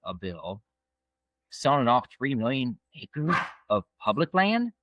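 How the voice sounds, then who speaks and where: A man's voice: medium pitch, big pitch swings, slow, muffled recording. A man hosting a hunting podcast, asking friendly, upbeat questions of his guest. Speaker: podcast host. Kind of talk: podcast interview.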